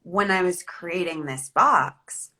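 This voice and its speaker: A woman hosting a casual conversation, chatty and animated. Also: on the low side, takes it slowly. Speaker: host. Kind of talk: casual chat.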